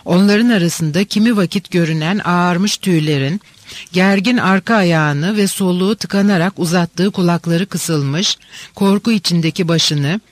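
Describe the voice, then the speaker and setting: Audiobook narrator, male, higher-pitched voice, steady measured reading, dry close sound. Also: no room sound. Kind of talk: reading a novel aloud.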